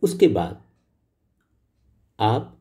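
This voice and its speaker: A middle-aged male teacher takes a grammar lesson at an unhurried pace, patient and methodical. His voice is low and very dark, yet the pitch moves a lot as he asks the class questions. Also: very animated. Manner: patient, explains step by step with questions to pupils. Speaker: school Hindi teacher.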